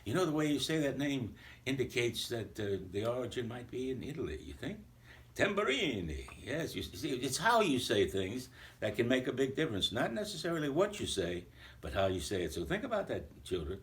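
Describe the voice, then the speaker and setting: A man's voice: mid-range voice, very animated, a little fast, natural voice. A man playing a jolly old Santa Claus, chatting playfully and rambling a little as he greets a school full of children in a recorded video message. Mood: cheerful.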